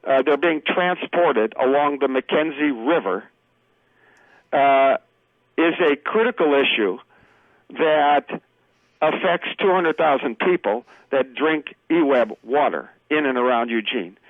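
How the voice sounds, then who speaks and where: A man guest on a radio show, speaking over the phone in an earnest, halting way with many fillers. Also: medium pitch, no room sound, phone-quality sound. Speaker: political candidate guest.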